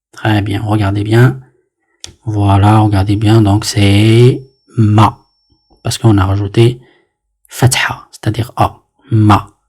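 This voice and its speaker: A man teaching letters and vowels in a patient, step-by-step lesson, slowly repeating each sound and often saying "très bien". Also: fairly low pitch, mellow, husky. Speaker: Arabic teacher.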